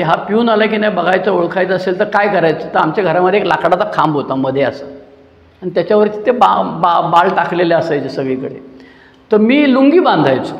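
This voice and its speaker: An older man with a fairly high voice gives a personal testimony to a support group. He tells it vividly and briefly imitates the people he quotes. The sound is dull and lo-fi, with a long hall echo around him. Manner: animated storytelling, acting out quoted people with mocking asides. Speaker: recovery group member sharing his story. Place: meeting hall. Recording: dull lo-fi recording in an echoey hall.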